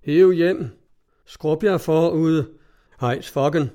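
Man voicing a hot-tempered sea skipper, gruff, blunt, audiobook, dark flat voice. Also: fairly high pitch, close to an everyday voice. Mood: barking orders. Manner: barks orders, gruff and blunt. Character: hot-tempered middle-aged male cutter skipper.

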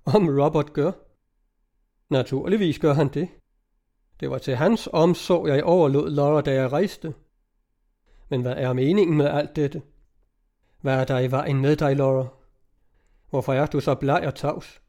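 A man's voice: a little high, pauses often, warm tone, close to an everyday voice. A man reading aloud, voicing a forthright young naval officer in an old-fashioned storybook. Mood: puzzled.

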